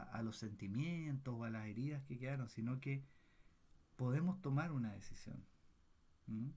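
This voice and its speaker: A man's voice: mid-range voice, a little mellow. A man leading a Bible study, asking the group questions and checking in with them often as he works through the passage. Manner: unhurried, thoughtful delivery with restarts.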